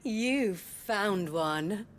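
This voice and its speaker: A woman's voice: medium pitch, expressive. An actress playing a flirtatious, teasing woman who carries messages, in a video game, with a coy manner. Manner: slow and coy, with frequent laughs. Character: flirtatious, teasing female tavern messenger.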